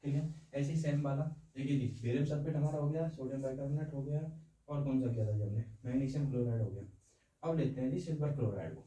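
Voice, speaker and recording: Distant teacher with a dark voice in an echoey room. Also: male voice, mid-range voice, fast. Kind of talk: chalkboard science lesson.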